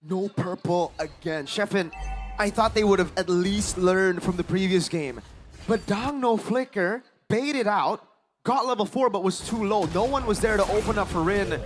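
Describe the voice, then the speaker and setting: Very high-voiced male play-by-play esports caster. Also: moderate pace, faint music behind. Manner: excitable, dramatic calls. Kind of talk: live game commentary.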